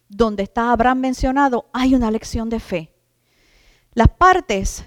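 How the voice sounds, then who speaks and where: A woman's voice: on the high side, dry recording, studio quality, long reverb tail. A woman preacher giving an emphatic sermon, stretching out key words and addressing the congregation as brothers.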